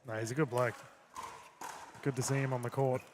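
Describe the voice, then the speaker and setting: A man calls the match live, snapping out short, brisk bursts as the points play out. His voice sits at an ordinary middle pitch for a man. Plenty of outdoor noise runs under the broadcast. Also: little pitch movement. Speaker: commentator. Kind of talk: live sports commentary.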